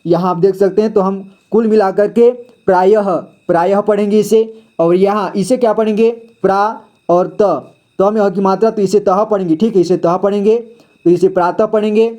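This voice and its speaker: A man with a fairly high but mellow, soft-edged voice leads a slow Hindi phonics lesson. He reads each word twice, asks what it should be read as, and answers himself in a steady, patient way. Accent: Indian Hindi. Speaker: Hindi reading teacher. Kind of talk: slow phonics lesson, reading words aloud.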